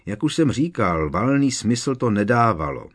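A man's voice: lowish voice, very animated. A man reading aloud, voicing a worried teenage boy wizard who speaks urgently and with emphasis.

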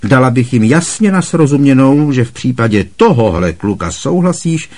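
Casting: a man doing a blustering harsh aunt, high and loud, lively, husky edge, storybook reading. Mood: scornful. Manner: booming, barking and harshly scolding. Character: bossy loud middle-aged aunt who scorns the boy.

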